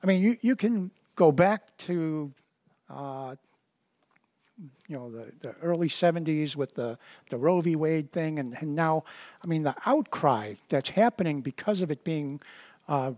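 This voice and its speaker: A high-voiced man preaches a sermon in a dry, echo-free sound, his tone a little mellow with lively intonation. He's conversational and repeats words as he starts sentences, but reads scripture slowly and deliberately.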